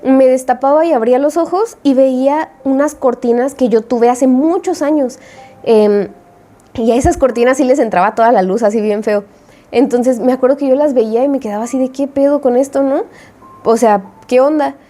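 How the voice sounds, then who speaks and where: A woman's voice: high-pitched, brisk, warm tone. A young woman with a Mexican Spanish accent telling a story in a chatty, slangy way and acting out her own reactions. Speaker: indie game developer and vlogger. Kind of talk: casual storytelling.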